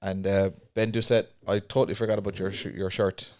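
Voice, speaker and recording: A man co-hosting a podcast in a relaxed chat, often repeating words as he starts a sentence. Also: sits low, brisk. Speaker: podcast co-host. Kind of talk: casual chat.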